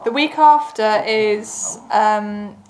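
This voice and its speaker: A woman's voice: mid-range voice, very slow, darkish tone, low-quality recording. A woman chatting casually as a co-presenter about events. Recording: faint background noise and room ambience.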